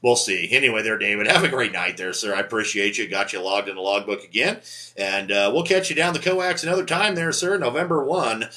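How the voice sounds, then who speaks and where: A man on the air at his home ham radio station, chatting casually and warmly with the people who call in. His voice sits a little low but has a very bright, forward edge. He signs off slowly, spelling out call signs. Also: animated. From Montana. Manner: friendly, drawn-out sign-offs with repeated "Roger, Roger".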